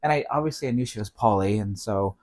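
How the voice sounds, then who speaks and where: A middle-aged man, a podcast guest, telling a long story in a relaxed, rambling way with many fillers. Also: lowish voice, fast talker. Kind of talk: casual storytelling.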